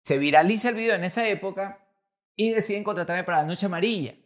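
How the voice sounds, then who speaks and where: A man, a comedian telling an anecdote in casual chat, animated and full of restarts. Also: sits high, quick pace. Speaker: comedian and podcast guest.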